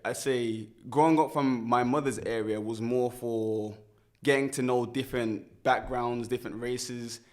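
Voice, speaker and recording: A young musician from Birmingham, England, appears as a guest in a casual interview, thinking aloud in a mid-pitched, easygoing voice. He sounds relaxed and reflective, with plenty of fillers and restarts.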